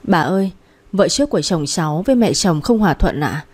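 Young pregnant wife, timid and pleading, voiced by a female narrator; warm tone. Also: on the low side, expressive, fairly quick, husky. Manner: soft, coaxing.

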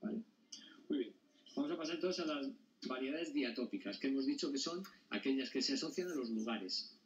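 A man's voice: medium pitch, expressive, a little fast. A male teacher explains a lesson to his class and keeps checking whether the students follow. He is heard across the classroom, and the sound is dull and lo-fi. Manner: explanatory, often checks understanding with questions. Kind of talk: classroom lecture. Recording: dull sound, mic at a distance.

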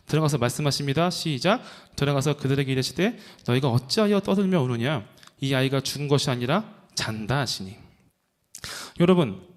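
A young male preacher delivers an emphatic sermon and keeps asking his listeners questions. His voice sits a little high for a man. It swings widely in pitch as he presses his points. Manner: asks the congregation many questions, emphatic. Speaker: youth ministry preacher.

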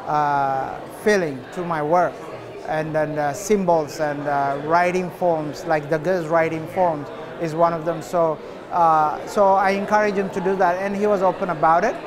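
This forty-something Ethiopian artist, recorded indoors at a cafe, answers an interviewer in a laid-back, unhurried manner full of filler pauses. His pitch is fairly high, and a crowd is audible behind him.

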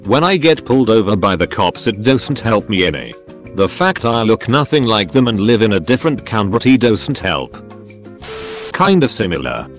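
Low-voiced man reading stories aloud. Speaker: narrator of forum posts. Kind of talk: scripted narration. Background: faint background music.

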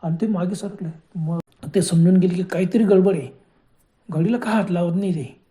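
A man's voice: high voice, moderate pace, mellow. A man narrating a horror story in a dramatic way, often exclaiming in fright.

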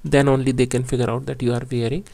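A man vlogging while wearing clear teeth aligners and in pain from them, explaining in a plain, halting way with many fillers. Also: medium pitch, flat delivery, a little mellow. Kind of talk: casual vlog walkthrough.

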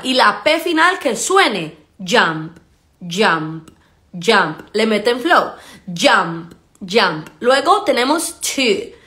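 A woman's voice: fairly high pitch, a bit bright. Upbeat woman teaching English. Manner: upbeat, coaxing, checks in with frequent "ok?"; drawn-out slow demonstrations of English sounds. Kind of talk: live online mini-lesson.

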